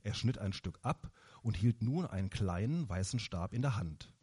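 A man calmly reading a children's story aloud. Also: on the low side, moderate pace, breathy edge.

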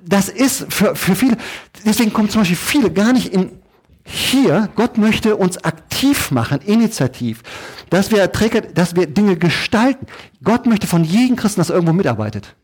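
Guy preaching, husky voice, bounces his pitch all over, slips into whiny put-on voices. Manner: animated, acts out sluggish voices, colloquial asides. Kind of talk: lively sermon.

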